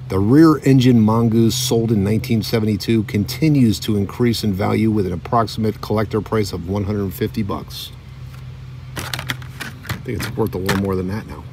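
Speaking at a normal speed, a deep-voiced man who vlogs about diecast collecting gives a laid-back, talkative show-and-tell, reading out the text on the card backs. The setting is a windy lakeside table outdoors, recorded on a far-off mic full of wind noise.

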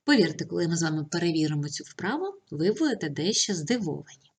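Husky woman teacher giving a lively lesson. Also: on the low side, fast. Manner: clear, instructive, patient. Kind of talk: online lesson.

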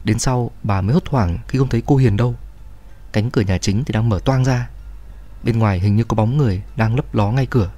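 A man narrating a horror story in a steady, measured way. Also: on the low side.

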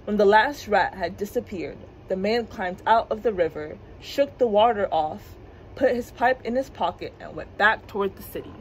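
A woman storyteller for children's story time, expressive and clear, with a mid-range voice and a faint hum behind her. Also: medium pitch, moderate pace, poor audio. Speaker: librarian storyteller. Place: public library.

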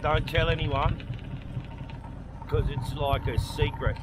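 A man's voice: on the high side, fairly even intonation, slow. A middle-aged man chatting casually to the camera in short, offhand, laconic phrases. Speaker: motorbike vlogger. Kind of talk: casual off-the-cuff vlog chat. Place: outdoors, on and around a motorbike. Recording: loud engine, traffic and handling noise.

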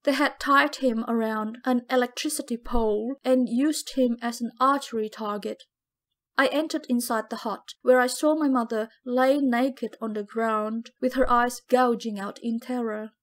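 Female audiobook narrator, higher-pitched, grave and steady. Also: moderate pace. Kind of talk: first-person audiobook narration.

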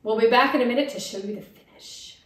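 Chatty higher-voiced woman, echoey kitchen. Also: steady tone, fast talker, over loud music. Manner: chatty, explains steps, giggly. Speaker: cooking show host. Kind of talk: casual cooking demo chat. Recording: very echoey room, mic far off.

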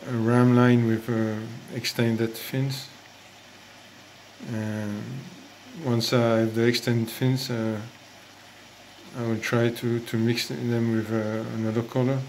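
Slow, flat-voiced man with a French accent. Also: medium pitch, a little hiss or hum, low-quality recording. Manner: hesitant, many fillers and restarts. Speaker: fish breeder. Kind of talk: casual hobby vlog.

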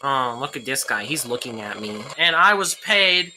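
A woman's voice: a bass voice, very animated, moderate pace, sharp tone, a little hiss or hum. A woman doing goofy let's-play commentary on a game, rambling jokes and laughing often. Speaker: gameplay YouTuber.

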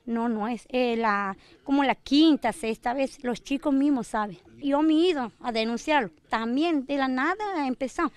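A woman giving a halting, emotional news testimony at her home. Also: sits high, clear, resonant tone, dry recording. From Argentina. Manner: halting, emotional retelling with restarts. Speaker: interviewee, assault victim.

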